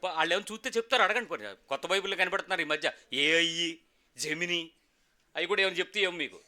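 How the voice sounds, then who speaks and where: A man's voice: fairly high pitch, fast talker, sharp tone. A man preaching a sermon as pastor, emphatic, asking rhetorical questions and prompting the congregation to repeat after him. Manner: emphatic, call-and-response with the congregation.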